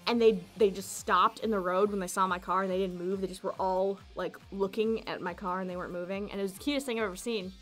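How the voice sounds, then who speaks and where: A young woman answers chat questions on a casual livestream at a middle pitch. She rambles, giggles and restarts her sentences as she goes. Faint music plays quietly in the background. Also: fairly even intonation, quick pace, hardly any pauses. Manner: rambling, giggly, self-interrupting.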